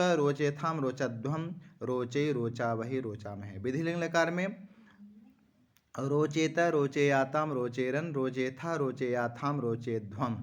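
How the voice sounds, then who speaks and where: A man teaching a lesson at a slow, unhurried pace, chanting lists of verb forms in a steady sing-song recitation. His voice sits at an ordinary middle pitch, and he turns to speak plainly to his students between the lists. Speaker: Sanskrit teacher. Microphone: phone screen recording.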